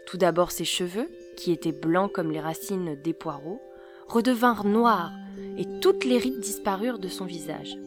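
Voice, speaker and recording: Calm woman reading a folktale. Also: lowish voice, normal speed, over music. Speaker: narrator. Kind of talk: storybook narration.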